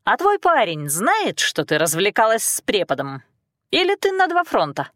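Woman as a sly probing young woman, predatory, lively pitch, dry sound. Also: unhurried, dry recording.

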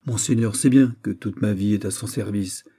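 A man's voice: fairly low pitch, moderate pace, warm tone, husky. A man reading aloud, voicing a confident, proud young nobleman at court. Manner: assured, proud.

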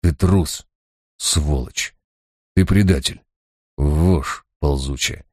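A man voicing a grim senior detective who speaks quietly, slowly and bitterly. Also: rumbling low, no room sound, studio quality, pitched below the performer's own voice, full character voice.

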